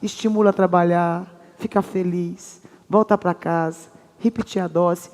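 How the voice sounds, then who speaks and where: A middle-aged woman who preaches with humor and speaks straight to the audience as a lively storyteller. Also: lowish voice, unhurried. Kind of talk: humorous sermon teaching. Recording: long reverb of a large hall.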